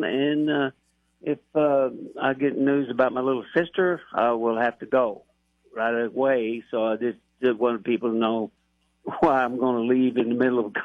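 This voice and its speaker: A man calls in over a thin, tinny phone line, and his voice sits at a middle pitch. The sound is dry and close. He talks about sports in a loose, halting way, stopping to restart his sentences. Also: dry recording. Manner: halting, with many fillers and restarts. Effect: heard over a phone line. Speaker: radio co-host. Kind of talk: casual sports talk. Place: hospital.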